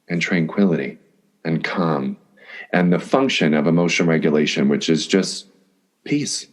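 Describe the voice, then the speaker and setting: A man's voice: sits low, a little mellow. A man, an astrologer guest, talking in a casual podcast conversation, effusive and flowing, often stringing words into lists.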